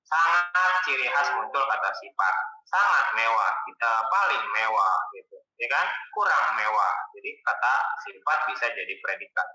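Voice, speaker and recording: Picked up off-mic in an echoey room, a male tutor with a very bright, crisp, medium-pitched voice talks at a normal speed through a laid-back exam-prep lesson. He explains loosely and colloquially, posing questions and then answering them.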